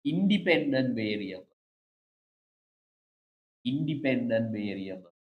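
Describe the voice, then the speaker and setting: A man teaching an economics class, repeating key terms slowly and quizzing students. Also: mid-range voice, big pitch swings, muffled recording. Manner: repetitive, drilling key terms and questioning students. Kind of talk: online class lecture.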